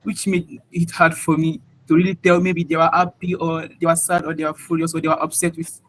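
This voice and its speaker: Young Nigerian-accented man, interviewee, slightly high voice, hesitant, casual. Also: level tone, a little fast, poor audio. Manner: hesitant, searching for words.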